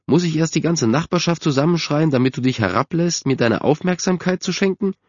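A man's voice: medium pitch, expressive, a little fast, a little mellow, no echo, voice pushed up. A man voicing a weary, nagging mother who calls out and scolds in a raised voice, in a dull, dry recording. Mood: annoyed.

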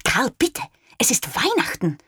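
A woman's voice: wildly swooping pitch, a little slow, fairly bright tone, slightly rough, no echo, studio quality, full character voice. A woman voicing a harried mother who scolds her children while baking, read aloud as a storybook. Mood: pleading. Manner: shrill, scolding.

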